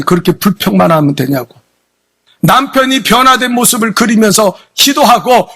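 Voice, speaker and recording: A man's voice: very high-pitched, fairly bright tone. A man pastor preaching a sermon, emphatic, pressing his congregation with repeated rhetorical questions. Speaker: senior pastor. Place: church sanctuary.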